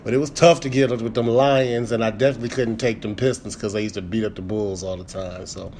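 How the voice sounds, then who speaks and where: A man's voice: fairly low pitch, steady tone, fairly quick, darkish tone, slight background noise. Laid-back slangy male podcast host. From Midwest US (born Chicago, raised Michigan). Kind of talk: casual interview podcast.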